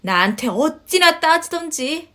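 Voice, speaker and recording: A woman's voice: high voice, very animated, unhurried, a bit bright, voice pushed up, full character voice. A woman voicing a nagging older mother-in-law who scolds, sighs and complains in a story reading. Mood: huffy. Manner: scolding, sighing, huffy complaints. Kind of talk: storytelling voice acting.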